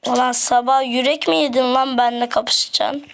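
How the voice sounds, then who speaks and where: A woman giving excited gameplay commentary, scolding the game's monsters in rough slang. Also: high voice, fairly quick, a little hiss or hum. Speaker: gaming channel host.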